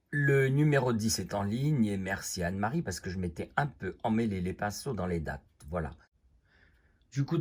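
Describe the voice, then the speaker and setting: A man's voice: on the low side, slightly rough. A man narrating a casual video diary from his home, speaking in a chatty, matter-of-fact way. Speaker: vlogger. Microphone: iPhone.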